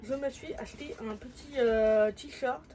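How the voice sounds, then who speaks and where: A woman's voice: high-pitched, measured pace, dark tone, a little hiss or hum, poor audio. A young woman chatting casually in a travel vlog, full of fillers and self-corrections. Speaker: vlogger.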